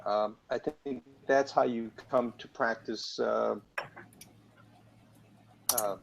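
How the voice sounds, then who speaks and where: A man, a physician on a panel, answers questions over a remote call. His connection keeps breaking up, so his words cut in and out in halting fragments. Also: mid-range voice, fairly even intonation, creaky, dull audio. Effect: connection breaking up, audio cutting in and out. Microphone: remote call microphone. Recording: choppy, dropping-out remote call audio with faint noise.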